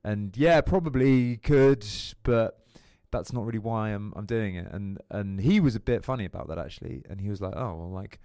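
Low-voiced man rambling as a podcast guest. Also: normal speed, few pauses, dark tone, no echo, studio quality. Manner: rambling, many fillers and restarts. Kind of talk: casual interview chat.

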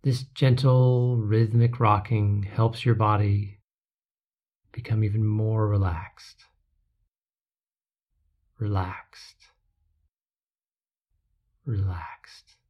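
Relaxation guide, very slow and husky, words fading to whispers, dull lo-fi recording. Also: medium pitch, level tone. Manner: soft, drawn-out phrases trailing into whispers.

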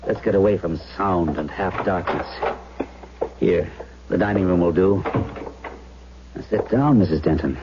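An actor playing a practical, brooding man in a haunted-house radio drama, halting as he finds words. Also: low-pitched, noisy background. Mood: firm, uneasy. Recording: dull old radio broadcast.

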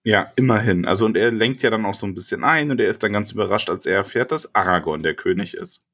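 A man co-hosting a casual book podcast, calmly retelling scenes and chatting. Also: fairly low pitch, fast talker. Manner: relaxed, thoughtful retelling. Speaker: podcast co-host.

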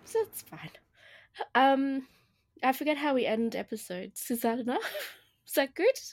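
A woman's voice: high voice, sing-song, measured pace. A woman co-hosting a casual tabletop-game podcast, giggly and rambling, with lots of fillers. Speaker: podcast co-host. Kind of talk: casual chat.

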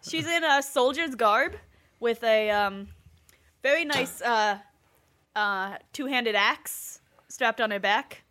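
A woman's voice: a little high, takes it slowly, sharp tone. A woman narrating as game master in a tabletop game, hesitant and full of fillers.

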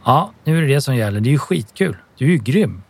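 A man reading an audiobook, voicing a rough, coarse-talking young man. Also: mid-range voice, big pitch swings, pitched above the performer's own voice. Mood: gruff. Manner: gruff, coarse.

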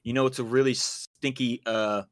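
A man co-hosting a podcast speaks at normal speed in a mid-range voice with fairly even intonation. He chats casually and rambles, often restarting and using fillers.

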